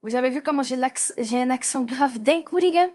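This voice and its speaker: A woman's voice: high voice, fast, darkish tone. A woman in her twenties chatting casually on a livestream, playfully echoing lines back and forth. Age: 20s.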